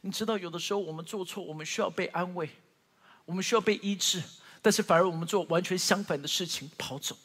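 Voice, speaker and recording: A man preaching a sermon as pastor, telling stories with strong emotion, moving from loud to hushed, with frequent stammered restarts. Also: high-pitched, fast, breathy edge, in a large hall.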